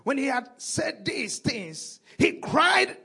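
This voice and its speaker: A man preaching a sermon, tagging his lines with "ah" and "hallelujah" and often breaking into shouts. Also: very high-pitched, very animated, slow, creaky. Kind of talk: sermon with live interpretation.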